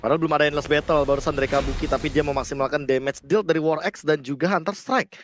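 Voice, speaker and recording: Male Indonesian esports analyst, quick, explanatory delivery, clear noise behind. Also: a little high, fairly even intonation. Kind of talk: analytical game commentary.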